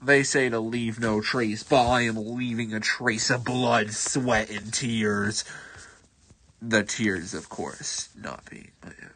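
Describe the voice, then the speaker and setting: A man narrating his strategy game with slow, deliberate pacing and a playful, mock-dramatic flair. His voice sits at an ordinary middle pitch, with a faint hiss underneath. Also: steady tone, fairly bright tone, low-quality recording. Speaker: gaming streamer. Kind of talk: gameplay commentary.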